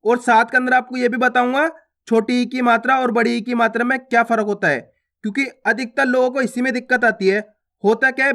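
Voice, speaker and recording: Man, teacher, high-pitched, patient syllable drills, beginners' reading lesson. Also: bright, forceful tone. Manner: addresses viewers as friends.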